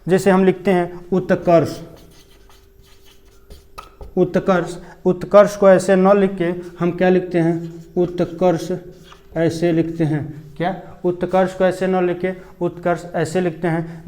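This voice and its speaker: Male grammar tutor for an exam-prep lesson, high voice with a flat, even delivery, repeats drills patiently. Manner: repeats words slowly, asks and answers his own questions. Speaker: Hindi grammar teacher.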